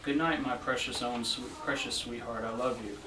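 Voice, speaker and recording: A young man, a student reader at a library event, reads an old love letter aloud to a small gathering in a library room. His middle-pitched voice holds a steady tone at a moderate pace. The recording is roomy and distant, with echo and faint room noise.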